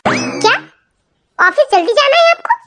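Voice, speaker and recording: A woman's voice: very high voice, fairly quick, a bit bright, faint music behind. A woman voicing a hopeful, sulky young wife in a comedy cartoon, chatty and talking to herself. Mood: indignant. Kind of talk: cartoon family comedy voice acting.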